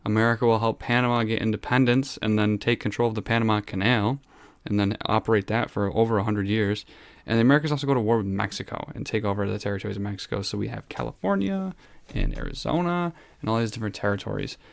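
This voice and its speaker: A man's voice: on the low side, fast talker, creaky, no room sound. A male history teacher giving a casual, rambling exam review from his room at home, easily sidetracked and poking fun at himself. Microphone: desk microphone.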